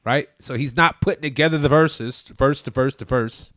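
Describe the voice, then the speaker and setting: A man's voice: medium pitch, moderate pace, fairly bright tone, no echo, clean studio sound. A man co-hosting a casual podcast chat, preaching his views emphatically and telling listeners to look things up. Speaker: podcast co-host.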